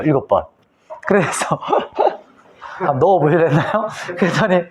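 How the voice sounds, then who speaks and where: A pastor from Korea teaches the Bible in an animated way, acting out the scenes as he tells them. His voice sits a little high for a man and swings widely in pitch. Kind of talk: Bible lecture.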